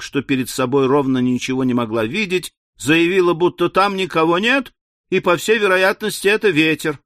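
A man narrating an audiobook of a classic comic novel in an expressive storytelling manner. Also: on the high side, no room sound, clean studio sound. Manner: expressive, lifting his voice for quoted shrieks. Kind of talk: scripted literary narration.

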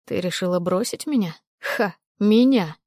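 A woman's voice: mid-range voice, brisk, darkish tone, no room sound, studio quality, natural voice. Woman voicing a drunk menacing man. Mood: furious. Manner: harsh with false tenderness. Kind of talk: audiobook character reading.

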